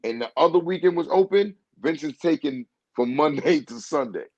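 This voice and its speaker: The interviewed singer speaks in an animated voice on the high side at normal speed, telling a long, informal story. He repeatedly restarts and says "you know what I'm saying," and the dull, dry recording sounds muffled.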